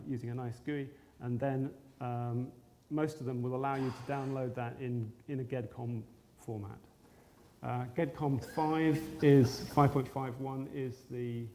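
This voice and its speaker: Male conference speaker, gravelly and hesitant, in a reverberant hall. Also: medium pitch, warm tone. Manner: hesitant, frequent ums and restarts. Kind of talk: technical presentation. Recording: roomy hall with long reverb, faint noise.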